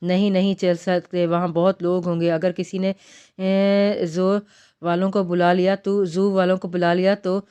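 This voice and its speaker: A woman's voice: fairly low pitch, flat delivery, normal speed, dark tone, smooth, natural voice. A woman voicing an exasperated young male doctor who pleads with and snaps at his wife. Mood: irritated. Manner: pleading, irritated.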